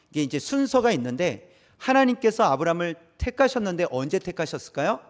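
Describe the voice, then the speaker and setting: Male pastor preaching, high voice that jumps all over, asks the room stuff then answers it. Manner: lively, questioning the congregation and answering himself. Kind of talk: sermon.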